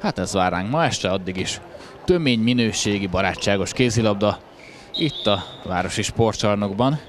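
Low-pitched man commentating on handball. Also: animated. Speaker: sports commentator. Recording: crowd noise in sports hall. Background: crowd in a sports hall.

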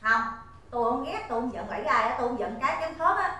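A woman playing a grumpy, sharp-tongued middle-aged neighbor in a stage comedy sketch, scolding and sarcastic. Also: fairly high pitch, lively intonation, fast talker, heavy reverb, distant mic. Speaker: comedy skit actor.

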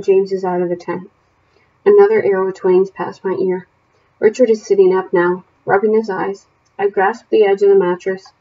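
A woman's voice: medium pitch, muffled recording, a little hiss or hum. Woman teacher reading a novel aloud. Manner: steady, plain reading with small self-corrections. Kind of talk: reading a novel aloud and setting homework questions.

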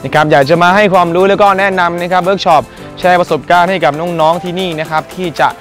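A young male singer, working as a guest singer and workshop mentor, speaks politely and earnestly to the camera in a presenter style. His voice sits high, with fairly even intonation, a quick pace, and a fairly bright tone. He's first outdoors by a school building, then indoors at a music school.

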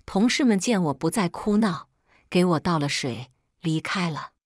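A woman telling a first-person story as scripted narration, reading in a steady, measured way. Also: on the low side, no echo, studio quality.

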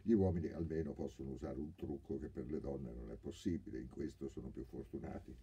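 A male actor reading a novel aloud in a measured, dramatic narration. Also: rumbling low, creaky, mellow, slightly rough. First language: Italian. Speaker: audiobook reader. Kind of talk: literary narration.

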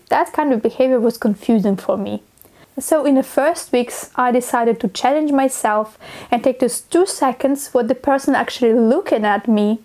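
Casting note: young Russian-accented woman, fairly high voice, expressive vlogger who acts out scenes, close clip-on mic in a small room. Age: young adult. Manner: expressive, acts out little scenes with her hands. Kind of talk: scripted talking-head vlog. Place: small dim room indoors.

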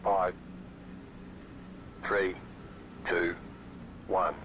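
A man's voice: sits low, little pitch movement, drawn-out words, a bit bright, slight background noise. A man giving terse pit radio calls as a race spotter, in short clipped callouts. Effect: terse pit radio call.

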